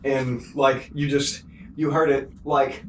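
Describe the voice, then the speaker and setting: A man's voice: medium pitch, flat delivery, takes it slowly, roomy sound, recorded from a distance, slight background noise, poor audio. A man playing a tabletop game, chatting in a joking, laid-back way. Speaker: player. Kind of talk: casual tabletop game chat.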